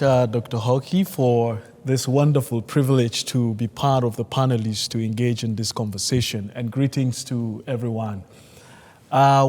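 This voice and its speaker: A man from Nigeria, an Anglican priest, speaking as a seminar panelist in a measured, hesitant way with many fillers. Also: mid-range voice, darkish tone. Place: large church hall. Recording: long hall reverb, mic at a distance.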